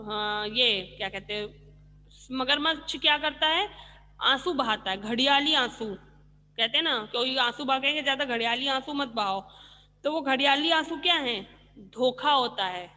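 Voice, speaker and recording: Bright-voiced woman teacher, echoing room. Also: high-pitched. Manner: explains patiently, asks questions and answers them herself. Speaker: school teacher. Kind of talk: online class lesson explaining vocabulary.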